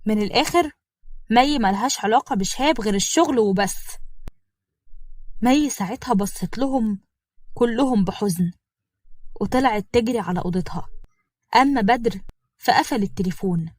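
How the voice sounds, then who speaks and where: A woman storyteller with an Egyptian Arabic accent, narrating in a plain, steady way. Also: a little high, normal speed, pauses often.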